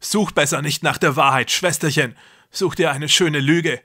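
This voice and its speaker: A man voicing a cruel, deluded young man who believes he is a god, speaking loudly and feverishly. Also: a little high, moderate pace, slightly rough, pitched above the performer's own voice. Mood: raving menacing. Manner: loud, intense, feverish delivery.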